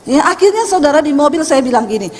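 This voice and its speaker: High-voiced woman pastor preaching in a hall. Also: fast talker. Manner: animated storytelling, acts out voices of others; colloquial, chatty preaching with Javanese-flavored particles. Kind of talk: sermon. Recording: long hall reverb.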